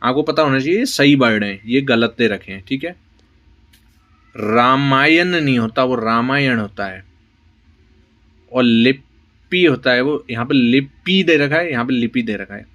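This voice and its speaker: A man teaching an exam-prep lesson, briskly listing words and checking in with his students. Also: mid-range voice, lively intonation, fairly bright tone. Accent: Rajasthani Hindi. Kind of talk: spoken lesson for exam preparation.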